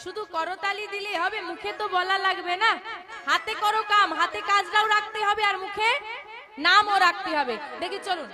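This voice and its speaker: A woman's voice: extremely high pitch, moderate pace. A woman leading a devotional kirtan, teasing and coaxing the crowd to chant. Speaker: kirtan singer. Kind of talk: devotional kirtan with audience banter. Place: live stage before a crowd. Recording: live music and crowd noise.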